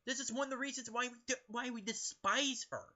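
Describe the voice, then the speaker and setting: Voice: mid-range voice, brisk, bright, forceful tone, highs cut off. A young adult political vlogger who reads passages from a book aloud and comments on them in an opinionated, emphatic way, often stumbling over words.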